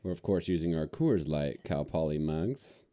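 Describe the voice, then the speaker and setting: A man co-hosting a casual podcast, playful and quick to laugh while tasting beer. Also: rumbling low, animated, mellow. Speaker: podcast co-host.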